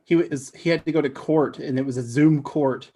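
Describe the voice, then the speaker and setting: A man's voice: a little high, fairly even intonation, moderate pace, dark tone. A man, a guest judge on a video call, telling a funny story in a chatty way and laughing through it.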